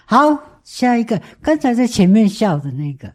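A woman's voice: fairly high pitch, big pitch swings, moderate pace. A woman informally hosting a sharing session and giving a testimony.

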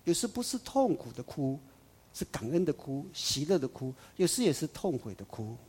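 A man preaching a sermon, emphatic, swinging between loud declarations and soft asides. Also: a little high, sing-song, moderate pace, slightly rough.

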